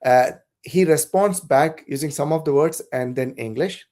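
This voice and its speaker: Speaking at a moderate pace, this man has a slightly high but dark-toned voice. He is a south Indian podcast guest whose first language is Malayalam, and his casual conversation is thoughtful and hesitant, full of restarts.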